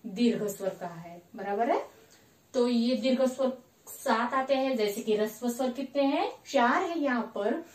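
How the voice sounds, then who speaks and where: Slow, high-voiced woman teaching in an echoey room. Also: a little mellow, recorded from a distance. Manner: slow, repetitive, asks questions and answers them herself. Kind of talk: classroom grammar lesson.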